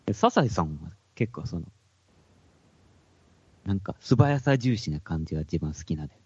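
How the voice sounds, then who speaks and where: A man's voice: sits low, very animated, moderate pace, a little mellow, slightly rough, dry recording, highs cut off. A man with a Hakata accent, a podcast co-host in casual chat among musicians, joking and laughing often. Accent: Hakata dialect. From Fukuoka.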